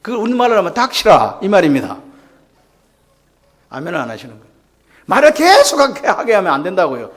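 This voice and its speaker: A man's voice: high voice, wildly swooping pitch, a little fast, long pauses. A male pastor preaching a Sunday sermon, throwing rhetorical questions and calls for response to his congregation. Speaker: senior pastor.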